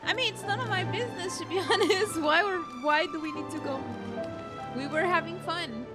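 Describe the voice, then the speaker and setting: A let's play streamer with an extremely high-pitched voice reacts casually and playfully to a video game, giggly and prone to exclaiming. She speaks at a moderate pace, with video game music playing behind her.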